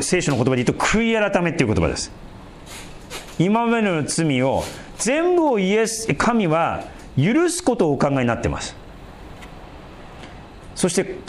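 Male pastor preaching a sermon, fairly high voice, very lively up-and-down delivery. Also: slight background noise. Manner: animated, emphatic preaching.

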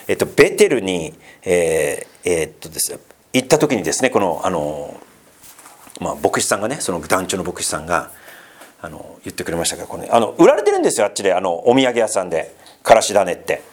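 A man preaching a casual, conversational sermon as pastor, full of fillers and asides, asking the congregation questions and teasing them. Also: fairly low pitch. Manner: chatty, asks the congregation questions and teases them.

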